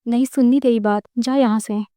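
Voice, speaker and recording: A woman reads the part of a weary single mother with a fierce temper, scolding in short bursts. The voice sits a little high, yet keeps a flat, mellow tone in a dry, close sound. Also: normal speed, no room sound, natural voice. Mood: angry. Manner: scolding, curt.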